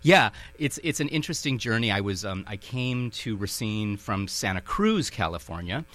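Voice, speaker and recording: This middle-aged man from Minnesota, a museum director, gives a radio interview at normal speed in a fairly low, slightly bright voice that is very animated. Thoughtful in manner, he pads his answers with fillers and hedges.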